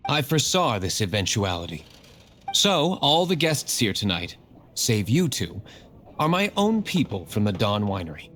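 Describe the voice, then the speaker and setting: A man's voice: fairly low pitch, big pitch swings, moderate pace, a bit bright. A man playing an aloof young nobleman vigilante in a video game, speaking in a dry, formal, curt way. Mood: composed. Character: Diluc, stern aloof young nobleman vigilante and tavern owner. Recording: faint music behind the voice.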